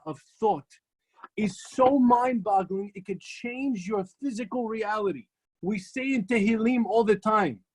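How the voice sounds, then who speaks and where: A high-voiced rabbi teaches an ethics class from the pulpit, speaking in an emphatic, storytelling style. His delivery is unpolished and conversational, and he repeats phrases to hammer each point home.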